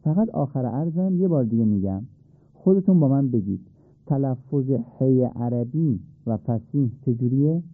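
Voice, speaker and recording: A patient male teacher walks listeners through how to pronounce a letter, repeating the sound slowly. His voice is of medium pitch. It comes through a narrow, tinny band with a dry, close sound. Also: animated, no room sound. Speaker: Quran recitation teacher. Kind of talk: radio-style pronunciation lesson.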